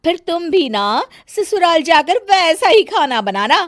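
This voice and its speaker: High-pitched cartoon wife voiced by a woman, nagging, scolding, shrill, dry close sound. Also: very animated, a little slow, no echo, heavily acted. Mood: boastful. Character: bossy nagging young wife, fault-finding.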